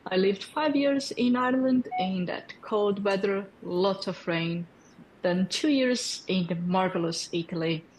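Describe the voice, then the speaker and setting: At a hackathon, a developer community lead in her thirties from Brazil gives a technical presentation of a developer tool, speaking with a Brazilian accent as a native Portuguese speaker. She's unhurried and medium-pitched, friendly and explanatory, with fillers and check-in questions. The audio is poor, with slight background noise.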